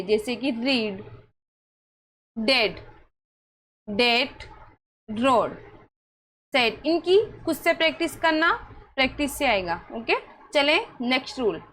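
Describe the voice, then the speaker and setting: A woman's voice: sits high, a little slow, pauses often, fairly bright tone, slight background noise, rough recording. A woman with a Hindi accent teaching English pronunciation rules, asking questions and answering them herself in an encouraging way. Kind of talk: classroom-style pronunciation lesson.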